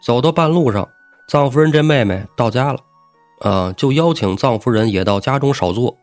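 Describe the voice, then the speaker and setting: A middle-aged man telling a story in a lively, colloquial way with chatty asides. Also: medium pitch, normal speed, no room sound, soft background music. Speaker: storytelling podcast host. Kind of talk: casual storytelling.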